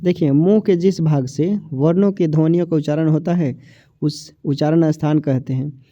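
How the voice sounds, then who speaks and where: Dark-voiced man teaching exam grammar. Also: on the high side, normal speed. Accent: Hindi of Bihar. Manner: repetitive, asks and answers his own questions; drags out sounds when saying them. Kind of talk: exam-prep grammar lesson. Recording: dull, dry, lo-fi voice recording.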